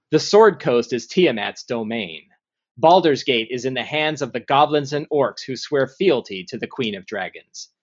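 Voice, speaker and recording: A male game master narrates a tabletop fantasy game with dramatic phrasing. His voice sits at a medium pitch, and the recording is dull and lo-fi.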